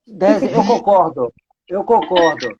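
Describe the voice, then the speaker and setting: A man's voice: sits high, lively intonation, slow, a crowd in the background. Friendly Brazilian man on a dull call line. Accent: Brazilian Portuguese. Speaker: guest. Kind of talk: casual livestream chat.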